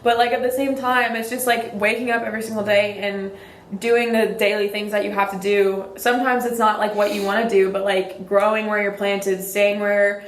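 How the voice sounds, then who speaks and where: A woman's voice: medium pitch, flat delivery, moderate pace, reverberant, slight background noise. A young woman, hosting a podcast in a casual, rambling chat full of "like". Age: young adult. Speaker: podcast host.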